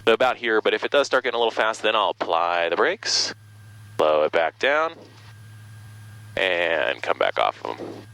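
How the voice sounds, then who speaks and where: A man's voice: sits low, big pitch swings, moderate pace, vocal fry, sharp tone, clear, resonant tone, no echo, low-quality recording. A man working as a flight instructor, patiently explaining procedures over a headset in a small plane cockpit. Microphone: aviation headset intercom.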